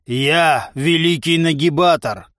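A man's voice: on the high side, a bit bright, no echo, voice pushed up. Man voicing a pompous boastful giant. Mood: haughty. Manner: grandiose, sulky, slow declaiming. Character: pompous boastful giant male brawler prisoner. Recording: dry close studio sound.

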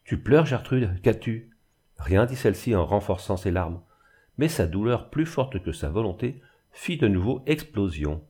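A man giving a measured, expressive scripted narration of a classic novel as an audiobook reader. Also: fairly low pitch, slightly rough.

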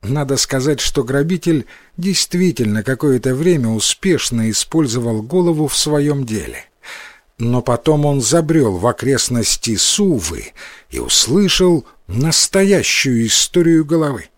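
Expressive male storyteller, dry sound. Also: medium pitch, a little slow, dry recording. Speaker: narrator. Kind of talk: scripted storybook narration.

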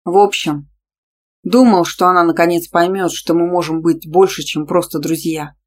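A woman's voice: fairly low pitch, fairly even intonation, moderate pace, slight background noise, lightly acted. Woman doing a nervous polite young guy, stammers, audiobook. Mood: flustered. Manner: hesitant, stammering. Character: polite, flustered young man, hopeful friend.

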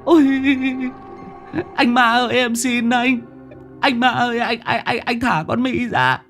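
A man's voice: very high-pitched, measured pace, fairly bright tone, soft background music, pitched above the performer's own voice, heavily acted. A man voicing a terrified village boy who stammers and begs. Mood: terrified begging. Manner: stammering, begging.

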